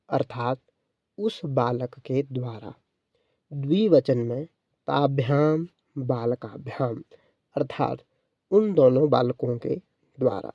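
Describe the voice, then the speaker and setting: A man teaching a grammar lesson, reciting word forms in a measured, drawn-out way, then explaining each one. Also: medium pitch, dry recording. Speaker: Sanskrit teacher. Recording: dull, lo-fi sound.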